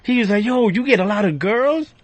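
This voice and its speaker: A man with a high, bouncing voice recounts a bar story on the radio and slips into each speaker's lines as he tells it. The sound is dry and close, with no room around it. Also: animated, fairly quick, dry recording. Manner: casual storyteller who acts out dialogue. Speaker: show regular. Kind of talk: telling an anecdote on air.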